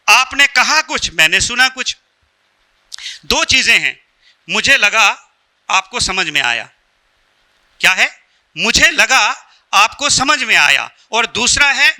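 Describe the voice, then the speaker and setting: Bright, high-voiced man giving a motivational talk. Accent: Indian. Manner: storytelling with jokes, asks the audience questions. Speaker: spiritual speaker.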